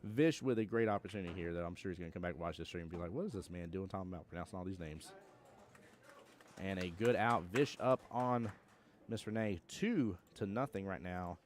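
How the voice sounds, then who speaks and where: A young man from Georgia, USA, speaks in a low voice at a fairly quick pace with a Southern accent. He's commentating a pool tournament on a live stream, joking around and chatting with viewers in a laid-back way.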